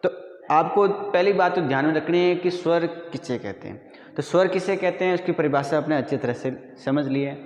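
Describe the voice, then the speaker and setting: A man's voice: on the high side, moderate pace. A male school teacher giving a grammar lesson, patiently repeating definitions and quizzing his students. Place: school classroom. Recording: echoey room with long reverb.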